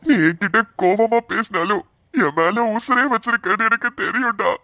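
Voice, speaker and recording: A woman's voice: medium pitch, normal speed, pushed and bright, no room sound, studio quality. A woman voicing a young man in a cartoon, an elder brother who pleads tearfully for his little brother. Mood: tender pleading. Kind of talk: cartoon voice acting.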